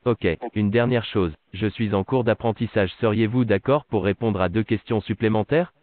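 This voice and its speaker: A lowish synthetic male voice, speaking at normal speed, acts as a virtual customer service agent. Through a tinny, dry phone line, it gives polite, formulaic prompts.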